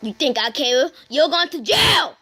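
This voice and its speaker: A woman's voice: sits high, expressive, unhurried, bright, forceful tone, voice pushed down, heavily acted. Woman doing a curt, bossy puppet judge. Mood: stern. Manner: curt, commanding. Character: bossy stern puppet judge called Mister Nothing. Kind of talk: puppet comedy.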